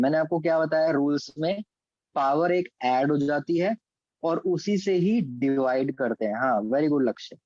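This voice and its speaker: In an online class, a man with an Indian accent who teaches physics and maths explains calculus step by step, mixing English terms into Hindi and calling on students by name. His voice is fairly high and a little mellow, and the lo-fi recording has no echo.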